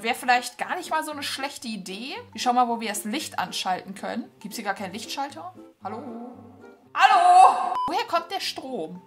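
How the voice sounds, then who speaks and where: A high, bright woman's voice commenting on a game she is playing. She swings her pitch all over the place and keeps turning to her viewers, chatty and excitable. Faint game music plays underneath. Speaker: gaming video host. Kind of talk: casual let's-play commentary.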